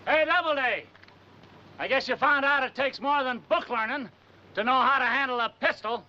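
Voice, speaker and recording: An actor playing a brash, boastful army sergeant in 1940s screwball comedy banter, with slangy, streetwise talk. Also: male voice, extremely high pitch, moderate pace, bright, forceful tone, full character voice. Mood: mocking. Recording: noisy, muffled 1940s film soundtrack.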